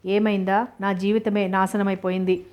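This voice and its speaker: A woman voicing a hurt young wife in a novel reading, with quick bitter complaints and a flat delivery. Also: mid-range voice, lo-fi sound, close to an everyday voice.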